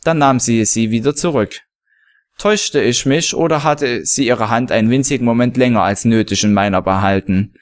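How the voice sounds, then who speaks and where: A man reading a first-person fan story aloud in a steady narrating voice. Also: medium pitch, normal speed.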